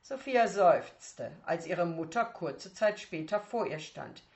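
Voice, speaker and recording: A woman's voice: lowish voice, animated, takes it slowly, a little mellow, highs cut off. A woman reading a story aloud, acting out the dialogue with expression. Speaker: reader. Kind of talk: audiobook narration.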